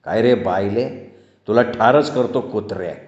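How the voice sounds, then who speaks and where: A bitter, suspicious young village man snaps curt, slow lines, as a male narrator puts him on. The recording sounds roomy and dull. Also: on the low side, a little mellow, close to an everyday voice. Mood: harsh.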